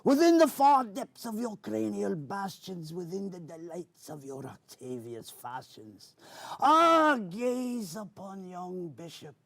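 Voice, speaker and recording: A man voicing a theatrical, indignant old pirate captain in a grandiose, drawn-out spoken word performance with archaic phrasing. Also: high-pitched, expressive, vocal fry, a bit bright, dry recording, pitched above the performer's own voice, heavily acted. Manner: declamatory, drawn-out archaic orator.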